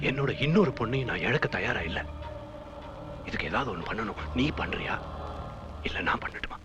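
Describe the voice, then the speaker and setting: An actor playing a grieving father speaking low and menacing. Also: huge pitch swings, a little fast. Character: grim grieving father vowing action. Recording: dull film sound with loud music.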